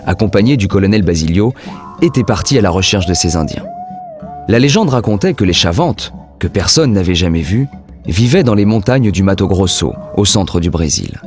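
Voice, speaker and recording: A man's voice: on the low side, a little mellow. A man reading scripted narration for a historical documentary.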